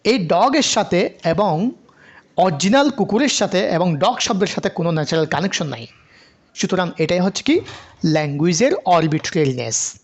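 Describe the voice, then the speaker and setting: Animated male lecturer. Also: high voice, moderate pace. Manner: animated, rhetorical questions, mixes English terms. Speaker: teacher. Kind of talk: online lecture.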